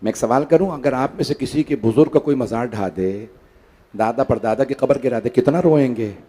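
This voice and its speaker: A man preaching a mourning sermon in a hall, telling the story with dramatic oratory that swings between loud declaiming and a hushed, lamenting voice. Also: medium pitch, a little fast. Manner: storytelling, acts out quoted speakers. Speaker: Shia cleric reciting a Muharram majlis. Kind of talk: impassioned majlis sermon. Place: large gathering hall.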